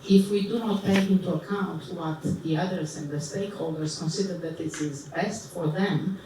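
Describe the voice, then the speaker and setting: A woman answering as a panelist. She speaks thoughtfully, with many pauses and fillers. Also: fairly low pitch, fairly even intonation. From Romania. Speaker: panelist, professor. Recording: echoey hall, distant mic, background noise.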